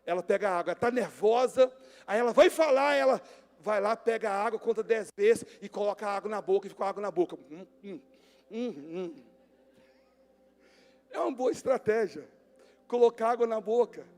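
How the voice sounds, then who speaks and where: A man preaching a sermon as pastor, emphatic, swinging between near-shouts and hushed tones. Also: sits high, fast. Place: church hall. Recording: long church-hall reverb with music behind.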